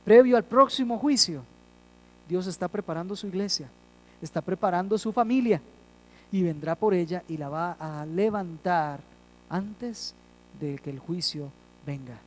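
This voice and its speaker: A male pastor delivering a sermon, rising loud on key phrases, dropping soft at phrase ends, and slowing down to stress words. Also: high voice, slight background noise, rough recording. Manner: slows down for emphasis.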